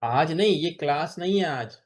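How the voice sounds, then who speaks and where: A man tutoring beginners in spoken English over a video call, patient and encouraging, repeating example phrases slowly. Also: on the high side, expressive. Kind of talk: online spoken English lesson.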